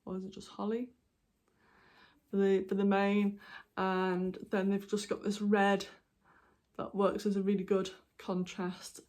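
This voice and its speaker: Hiccuping through a casual show-and-tell vlog, a knitting podcast host from the United Kingdom wanders from topic to topic with plenty of ums and apologies while displaying her projects. She speaks in a mid-range, monotone voice with a darkish tone, a little slow and pausing often.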